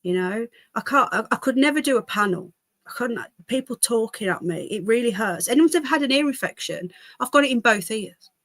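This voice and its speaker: A British woman with a congested voice, pitched on the high side and a bit bright, talks a little fast and animatedly. Hosting a livestream, she chats casually with viewers, rambling and easily drifting into asides. The recording is dry.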